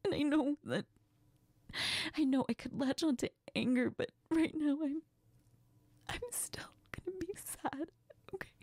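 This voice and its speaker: Tearful and hurt, she portrays a heartbroken young best friend full of self-doubt in a close, intimate audio role-play, sniffling and faltering in a near whisper. The voice is high-pitched and mellow, recorded dry.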